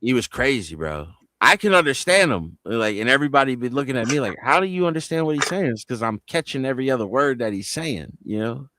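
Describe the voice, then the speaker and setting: A man's voice: mid-range voice, expressive, brisk, hardly any pauses, background noise. A man chatting on a live panel stream, telling loose, profane stories in a casual way. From New Jersey. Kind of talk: casual livestream panel chat. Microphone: home mic on a video call.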